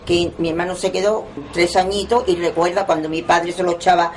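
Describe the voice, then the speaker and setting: A woman's voice: lowish voice, fairly even intonation, a little fast, darkish tone, slight background noise. Elderly woman reminiscing. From Torremolinos, Spain. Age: 90s. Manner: rambling reminiscing with frequent restarts. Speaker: oral history interviewee. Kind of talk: oral history interview.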